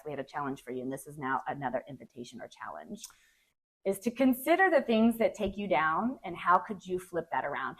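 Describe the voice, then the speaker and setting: A woman's voice: fairly low pitch, fairly bright tone, low-quality recording. Chatty woman podcast co-host. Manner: chatty, addresses listeners as y'all. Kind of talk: casual podcast chat.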